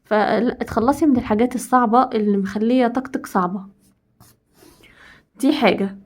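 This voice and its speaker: Egyptian woman, quick emphatic advice talk, a bit high-pitched. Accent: Egyptian Arabic. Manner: emphatic, repeats herself for stress. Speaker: home advice vlogger. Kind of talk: casual advice talk to women.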